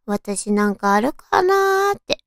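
A woman with a cute, girlish anime-like voice, chatting casually on her own as a radio talk host, with softly drawn-out phrasing. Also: sits high, sing-song, vocal fry, no room sound, clean studio sound. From Tochigi, Japan. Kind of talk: casual solo chat.

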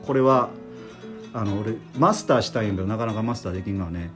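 Man with a Tosa accent, chatting casually. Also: lowish voice. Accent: Tosa dialect. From Kochi, Japan. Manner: relaxed, halting, many fillers, explains words. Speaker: podcast co-host. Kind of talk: casual conversational chat. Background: soft guitar music.

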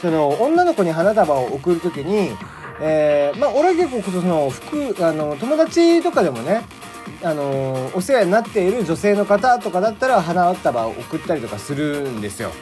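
A man hosting his own casual talk show, rambling with many drawn-out fillers and chuckling at himself, with slight traces of a Hakata dialect. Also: sits high, very animated, a little mellow, soft background music. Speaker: podcast host.

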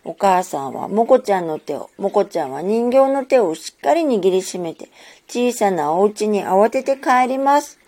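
A woman narrating a children's story in a gentle, measured storytelling manner. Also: mid-range voice, expressive.

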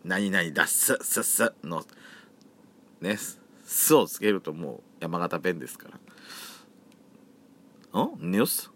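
A man from Yamagata with a Yamagata accent chats solo on his podcast in a fairly low voice. His pitch swings widely and lively as he talks. The phrasing is chatty and campy. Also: takes it slowly, long pauses. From Yamagata, Japan. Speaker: podcast host. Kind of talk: solo casual chat.

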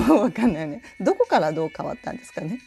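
A woman's voice: mid-range voice, fast, gravelly, soft background music. A Japanese woman from Tokushima with a mixed Tokushima and Kansai accent, hosting her own radio talk in a chatty, laughing manner. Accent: Tokushima and Kansai mix. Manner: chatty, animated, laughs often. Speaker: podcast host and color school head. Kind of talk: casual solo radio talk.

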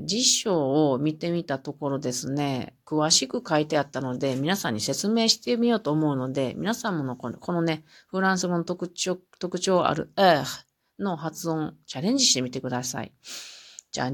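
A woman hosts a solo podcast lesson on French. Her voice is low and gravelly. She explains in small, patient steps, pausing on fillers, and reads each example phrase slowly before repeating it. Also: expressive. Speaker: French language teacher.

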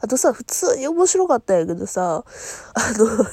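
A woman's voice: on the high side, sing-song, moderate pace, a little mellow, husky, no room sound, clean studio sound. A woman with a Kansai accent hosting her own podcast, talking casually while crying, her voice nasal and stuffed up, rambling with many fillers. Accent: Kansai Japanese. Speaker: podcast host. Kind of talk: solo casual talk.

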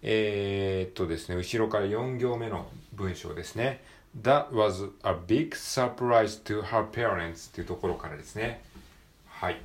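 A low-voiced Japanese man slowly drilling English sounds. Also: echoey room. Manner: slow, careful, repeats words many times to drill sounds; polite and explanatory, frequent "えー" fillers. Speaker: English pronunciation practice podcaster. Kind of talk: solo study podcast, reading aloud and explaining.

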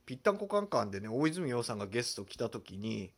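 A man hosting a solo comedy talk show, lively and self-deprecating as he explains his impressions. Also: mid-range voice, quick pace. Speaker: podcast host.

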